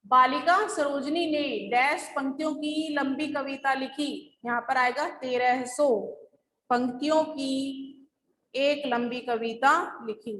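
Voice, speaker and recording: A woman's voice: high voice, fairly even intonation, slow pace, a bit bright, reverberant, a little hiss or hum, rough recording. A woman schoolteacher going over lesson answers, explaining patiently step by step. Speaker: school teacher. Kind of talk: recorded class lesson.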